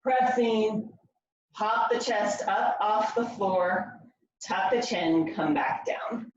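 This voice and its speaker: A woman's voice: mid-range voice, slow pace. A woman leading a floor workout class, giving step-by-step cues in an encouraging coaching manner while she demonstrates. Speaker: fitness class instructor. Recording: very echoey room, distant mic, slightly dull.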